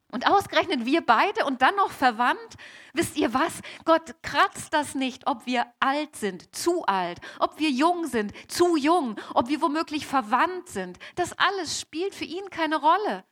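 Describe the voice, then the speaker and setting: A woman preaches a first-person sermon in character as a young, devout Mary, speaking slowly and emphatically, repeating key phrases and addressing the congregation directly. Her voice sits high and is a bit bright.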